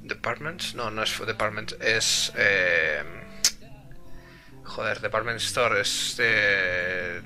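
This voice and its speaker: Slow, bright-voiced male streamer. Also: lowish voice, soft background music. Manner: hesitant, many fillers. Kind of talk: live-stream translation and chat.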